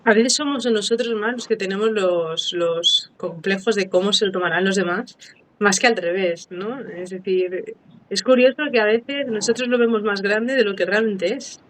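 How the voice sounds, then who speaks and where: A woman hosting a live online interview, chatty and playful and quick to laugh. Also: mid-range voice, fairly bright tone, a little hiss or hum, rough recording. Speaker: interviewer and live stream host. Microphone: phone, live video stream.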